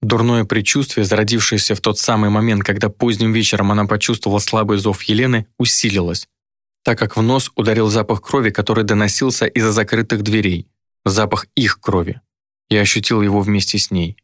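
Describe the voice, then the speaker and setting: A man reading an audiobook in the first person. His voice sits low and sounds dry and close. The delivery is measured and dramatic. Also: little pitch movement, dry recording. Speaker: audiobook narrator.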